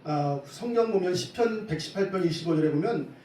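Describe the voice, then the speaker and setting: High-voiced preaching man in echoey church. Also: fairly quick. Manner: lively preaching, asks the congregation questions. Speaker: pastor. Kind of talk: Sunday sermon. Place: church sanctuary. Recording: echoey hall from far off, faint hiss.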